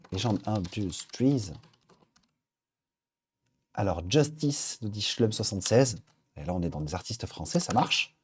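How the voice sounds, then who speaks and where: Mellow-voiced man hosting a live stream. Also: lowish voice. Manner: upbeat, chatty, thinking aloud. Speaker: livestream host. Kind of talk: casual live chat, reading viewer suggestions.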